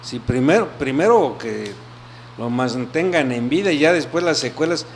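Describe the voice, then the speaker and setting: A man's voice: mid-range voice, expressive, moderate pace, a little hiss or hum. Man explaining ear care. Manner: explanatory, checks in with "¿sí?". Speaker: audiologist guest. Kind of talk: interview answers.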